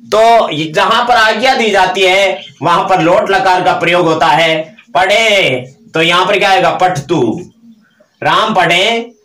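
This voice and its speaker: Male teacher, high voice, recites forms and quizzes himself; roomy echo. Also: measured pace, pushed and bright. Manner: drills verb forms aloud, asks and answers his own questions. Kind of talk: live online grammar lesson.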